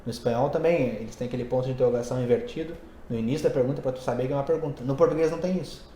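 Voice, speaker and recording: A man's voice: medium pitch, racing, dark tone, a little hiss or hum. A man who teaches English and Portuguese, hosting a casual podcast and explaining ideas conversationally while thinking aloud. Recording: roomy echo.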